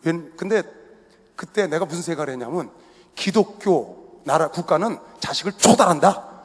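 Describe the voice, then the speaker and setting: In a fairly high voice with a breathy edge and a moderate pace, a middle-aged pastor shares a personal story from the pulpit. He brings family conversations to life with animated impressions and pokes fun at himself. The setting is a big indoor sports arena serving as a worship space, with an echoey sound.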